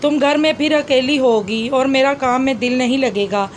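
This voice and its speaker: A woman's voice: high voice, normal speed, a little hiss or hum, natural voice. Woman reading as a teasing, loving young husband.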